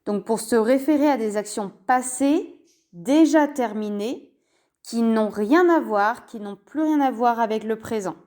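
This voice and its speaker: Woman, teacher, language lesson, slow careful delivery, mellow tone, repeats forms. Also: fairly high pitch. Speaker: Spanish teacher. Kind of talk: language lesson explained in French.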